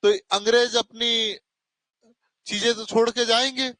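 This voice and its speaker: A man's voice: extremely high pitch, little pitch movement, unhurried, bright, forceful tone, no echo, rough recording. A male teacher giving a classroom lecture, asking questions and answering them himself, calling students "beta" and correcting himself as he goes. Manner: corrects himself mid-explanation.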